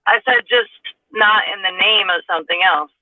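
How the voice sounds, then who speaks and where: A high-pitched man comes through a thin, tinny line with no bass at all, as if he were speaking from inside a tin can. The sound is dry and phone-like, picked up while he sits inside a vehicle. He talks bluntly and casually, swearing freely. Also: normal speed, dry recording. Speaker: panelist on a live stream call. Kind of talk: casual group chat. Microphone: phone or call audio.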